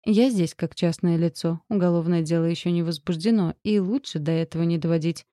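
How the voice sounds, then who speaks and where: A woman voicing a stern, sardonic male police captain, curt and gruff in a storybook reading. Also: on the low side, fairly even intonation, a little fast, mellow, no room sound, clean studio sound, natural voice.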